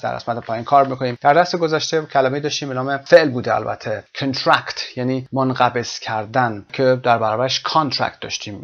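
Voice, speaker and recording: A man at a mid-range pitch teaches an English lesson. He reads the example sentences slowly and deliberately, then moves on more briskly to explain them. The recording is a little dull and lo-fi.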